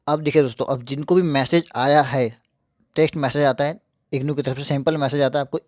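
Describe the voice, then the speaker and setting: A man's voice: mid-range voice, steady tone, a little fast, darkish tone, no echo, studio quality. A young man hosting a casual screen-share tutorial, repeating points and reassuring viewers, slightly hampered by a mouth ulcer. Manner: repetitive, reassuring, keeps checking in with listeners. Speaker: YouTube tech channel host.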